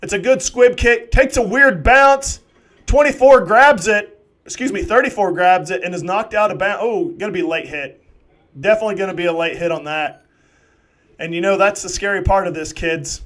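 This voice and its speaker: A man doing live play-by-play football commentary, excitable and jokey with rambling asides. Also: sits high, moderate pace.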